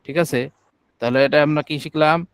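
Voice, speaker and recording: A man with a Bangladeshi Bengali accent teaching an online class, drilling syllables slowly and patiently. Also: fairly high pitch, steady tone, noisy background.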